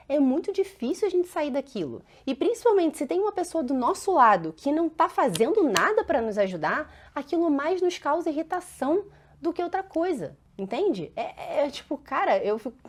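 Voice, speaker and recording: A woman in her thirties who teaches parenting in a chatty, animated, conversational way and often checks in with her listeners. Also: sits high. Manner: chatty and animated, tags lines with "né?" and "sabe?". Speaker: parenting educator.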